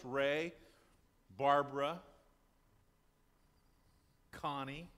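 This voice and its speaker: A fairly high-pitched, slightly bright male voice belongs to an older pastor. He preaches a sermon inside a small church sanctuary, addressing the congregation conversationally and answering his own questions.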